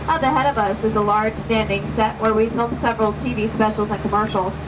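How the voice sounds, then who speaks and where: A woman's voice: on the high side, fairly even intonation, fairly quick. A woman working as a tram tour guide, delivering scripted narration and announcing to a group of riders. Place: on a moving tour tram outdoors. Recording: echoey distant PA speaker, loud vehicle noise. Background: loud vehicle and ambient noise.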